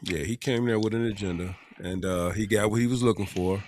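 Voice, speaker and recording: A man co-hosting a podcast, talking in a laid-back, slangy, measured way. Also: on the low side, a little mellow, a little hiss or hum. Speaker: podcast co-host. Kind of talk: casual chat.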